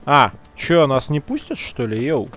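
A man's voice: medium pitch, very animated, fairly bright tone. A man giving casual gameplay commentary, talking in slang to his viewers and muttering his thoughts as he plays. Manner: slangy, talks to viewers as "guys"; muttering to himself, drawn-out musing. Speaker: let's play gamer.

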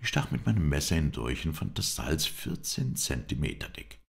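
Male audiobook narrator, extremely deep voice, gravelly, lively intonation, storytelling read. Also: normal speed. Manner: even, storytelling delivery. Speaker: audiobook reader. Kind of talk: audiobook narration of an adventure novel.

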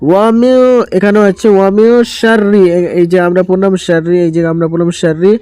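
Guy with a high clear voice teaching recitation slow, dry close mic. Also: steady tone, darkish tone, no echo. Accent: Bangladeshi Bengali. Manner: explains slowly, then chants verses drawn out. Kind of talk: step-by-step recitation lesson.

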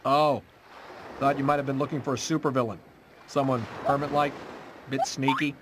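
A man's voice: mid-range voice, little pitch movement, moderate pace, heavy background noise, lightly acted. A man playing a chatty gossipy shopkeeper. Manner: friendly, offhand salesman patter.

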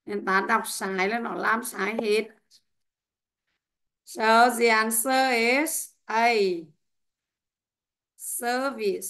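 A woman's voice: medium pitch, pushed and bright. A young woman teaching an English class online, patiently drilling pronunciation word by word. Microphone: headset or computer mic on a video call.

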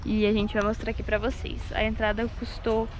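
A woman's voice: mid-range voice, monotone, a little fast, poor audio. A woman talking through a face mask as she chats casually to her viewers on a travel vlog, explaining things as she goes. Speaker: travel vlogger. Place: outdoor park. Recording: outdoor recording with clear background noise.

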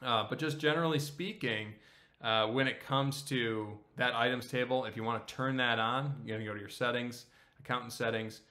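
A man in his thirties teaching accounting software on a screen share, casual and explanatory, often checking in with "okay?". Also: mid-range voice, steady tone, normal speed. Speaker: accounting instructor.

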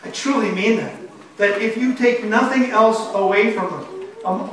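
Man, pastor, sermon, earnest, emphatic, high voice, echoey church, distant mic. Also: noisy background. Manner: earnest, emphatic preaching with rhetorical questions. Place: church sanctuary, indoors. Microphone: far camera.

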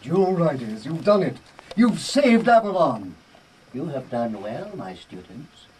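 A man's voice: on the high side, very animated, unhurried, a little mellow. A man playing a wise, kindly old cartoon wizard who speaks in a grand, solemn way. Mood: proud. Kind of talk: cartoon voice acting. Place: recording studio booth. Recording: distant, noisy studio tape.

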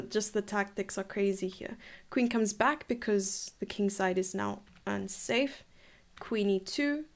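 Young woman coach from South Africa, chatty streamed chess lesson, a bit of fry in the voice. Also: medium pitch. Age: 20s. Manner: chatty, enthusiastic, laughs and muses aloud. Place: home room, indoors.

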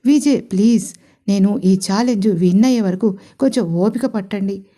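A shy young wife and company head speaks politely and hesitantly, often pleading, as the woman narrator reads her. Her voice is soft and warm. It is a romance audio story. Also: mid-range voice, normal speed, close to an everyday voice.

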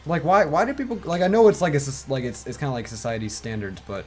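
A man's voice: mid-range voice, quick pace. A young man streaming a racing game with friends, chatting casually and rambling with lots of "like" and restarts. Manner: rambling, heavy use of "like". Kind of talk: casual gaming banter. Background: faint game music.

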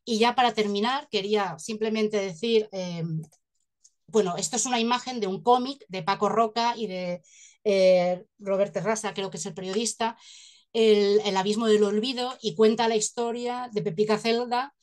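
A woman's voice: medium pitch, fairly even intonation, moderate pace, a little mellow. A young adult woman from Spain, finishing a formal seminar presentation over a video call, polite, with hesitant restarts. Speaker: seminar speaker. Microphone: laptop webcam on a video call.

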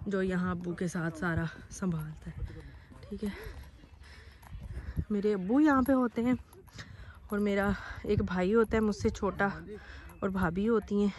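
A Pakistani woman vlogger narrates a casual walking vlog to the phone camera in her hand as she crosses open farm fields outdoors. She's slightly out of breath, hoarse and coughing, with a mid-range voice, and there's a little hiss or hum.

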